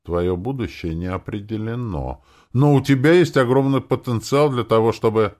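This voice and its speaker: A man voicing a frightened old woman fortune teller who talks quietly, slowly and pleadingly. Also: medium pitch, voice pushed up, close to an everyday voice. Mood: uncertain. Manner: trembling, pleading, quiet and slow.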